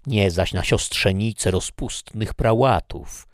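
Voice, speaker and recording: A man's voice: on the low side, takes it slowly, no room sound, studio quality, voice pushed up. A man voicing a capricious, passionate young woman who speaks vehemently and theatrically. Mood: bitter, vehement.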